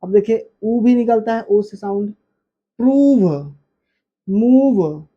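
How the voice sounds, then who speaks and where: A woman teaching a phonics lesson, repeating example words slowly with stretched emphasis. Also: on the high side, breathy edge, lo-fi sound.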